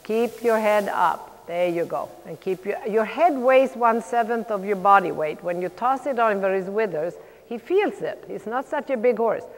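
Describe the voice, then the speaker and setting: A woman coaching a riding lesson, calling out brisk, projected commands mixed with encouragement and blunt corrections. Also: mid-range voice, expressive. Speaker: riding instructor, clinician. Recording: long echoing reverb of a large hall.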